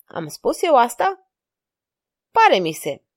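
A woman's voice: on the high side, huge pitch swings, no room sound. A woman reading the lines of an elegant, ironic masked woman in an audiobook, her voice close and dry.

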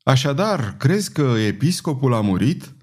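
A man's voice: mid-range voice, very animated, breathy edge, pitched above the performer's own voice. A man voicing a scheming, commanding noblewoman who persuades with insistence and authority in an audiobook reading. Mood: coaxing.

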